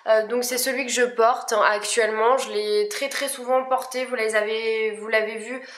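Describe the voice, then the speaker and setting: A woman's voice: a little high, little pitch movement, normal speed, fairly bright tone, reverberant. A young woman chatting casually through a makeup review, full of fillers and restarts. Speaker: beauty vlogger.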